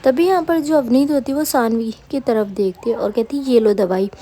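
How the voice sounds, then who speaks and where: A woman's voice: sits high, lively intonation, fairly quick, noisy background. A young woman who hosts an audio love story, chatting casually with her fans before she narrates the episode. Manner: chatty, exasperated asides to fans.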